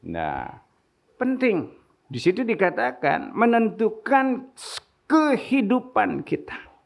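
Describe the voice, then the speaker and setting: Gravelly joking preacher man. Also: sits high, wildly swooping pitch, slow. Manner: joking, punchy preaching with sudden loud rises. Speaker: pastor. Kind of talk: sermon. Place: church hall with congregation.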